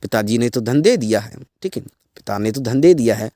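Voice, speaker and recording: A man's voice: medium pitch, lively intonation, a little fast, mellow, dry recording, clean studio sound. A man explaining a ritual step by step to his viewers in a rambling way, repeating himself and leaning on filler phrases. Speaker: occult ritual channel host. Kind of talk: spoken ritual instructions to viewers.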